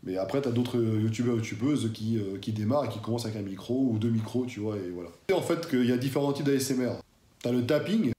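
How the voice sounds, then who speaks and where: A man's voice: mid-range voice, quick pace, mellow. Laid-back man chatting in an echoey room. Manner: chatty, slangy, addresses viewer as "tu". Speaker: fitness YouTuber. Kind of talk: casual talk to camera.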